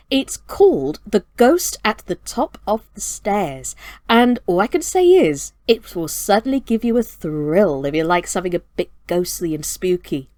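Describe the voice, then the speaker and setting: A woman who hosts a children's storytime channel gives her viewers a chatty, earnest, scripted update straight to camera. Her voice is medium-pitched with a darkish tone, and the recording is dry.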